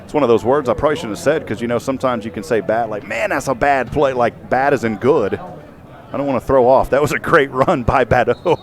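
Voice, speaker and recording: Excitable man calling a football game. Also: mid-range voice, quick pace, crowd noise. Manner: excitable, rising to shouts on big plays. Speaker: play-by-play announcer. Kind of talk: live football commentary.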